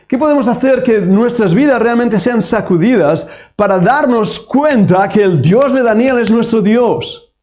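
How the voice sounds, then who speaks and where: A man's voice: extremely high pitch, expressive, unhurried, darkish tone. A man preaching a sermon, reading scripture with dramatic rises and falls. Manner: dramatic, rising and falling delivery reading scripture aloud. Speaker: pastor.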